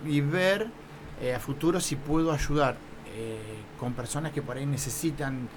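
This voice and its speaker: A man's voice: fairly high pitch, normal speed, crowd noise. A man in his fifties with a Rioplatense accent, an optician and shop owner chatting in an interview, often hesitant and trailing off mid-sentence. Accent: Rioplatense Spanish. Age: 50s. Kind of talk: casual interview chat.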